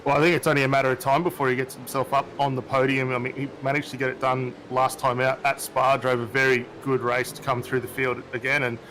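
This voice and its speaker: A man giving steady, measured analysis as a race co-commentator. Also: mid-range voice, slight background noise, poor audio.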